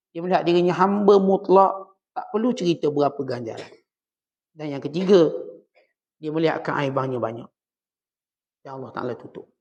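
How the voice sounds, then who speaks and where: A man's voice: a little high, gravelly, darkish tone. A man with a Malaysian Malay accent teaching a religious class. He asks rhetorical questions, answers them himself and hammers home short one-word refrains. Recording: dull lo-fi recording.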